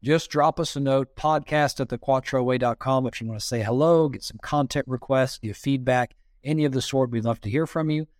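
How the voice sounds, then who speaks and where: A man's voice: mid-range voice, brisk, hardly any pauses, darkish tone, dry recording, studio quality. A man with a Southern US accent hosting a podcast interview in a loose, chatty way, full of "you know" fillers. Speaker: podcast host. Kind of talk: casual interview chat.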